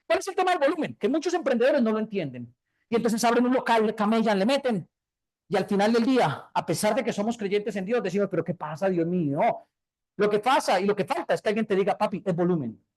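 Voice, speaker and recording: A man's voice: high-pitched, animated, darkish tone. A Colombian man giving a motivational business talk to an audience, emphatic, hammering key words again and again. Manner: fast, emphatic, repeats key words over and over. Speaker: business speaker.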